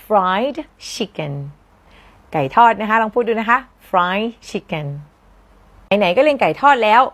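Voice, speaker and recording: A woman from southern Thailand giving a casual online English lesson, chatty and playful, repeating each word slowly for students to practice. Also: medium pitch, lively intonation, a bit bright. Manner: playful, teasing asides. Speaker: English teacher.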